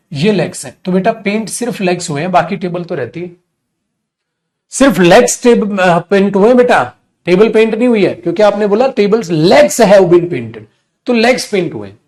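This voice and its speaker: A man's voice: high voice, darkish tone. A middle-aged man with an Indian English accent teaching English grammar in a live class, coaxing his students and asking and answering his own questions. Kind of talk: live online class lecture.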